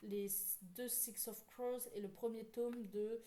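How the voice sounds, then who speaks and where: A woman book vlogger talking casually, rambling with many fillers and quick self-corrections. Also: on the high side, fairly even intonation, mellow. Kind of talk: casual chat.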